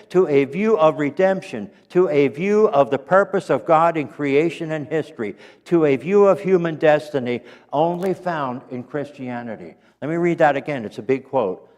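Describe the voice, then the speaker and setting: A man teaching a Sunday school class, reading quotations aloud in an earnest, unhurried way and stopping now and then to clear his throat or correct himself. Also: fairly high pitch, darkish tone, long reverb tail. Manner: corrects himself mid-sentence. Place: church.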